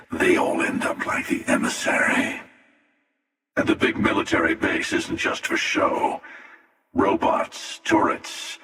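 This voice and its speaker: An actor playing a menacing, arrogant, world-weary hunter villain in a video game, with a gravelly voice and a deliberate, sardonic delivery. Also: male voice, very high-pitched, pushed and bright, heavily acted. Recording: echoey, long reverb, distant.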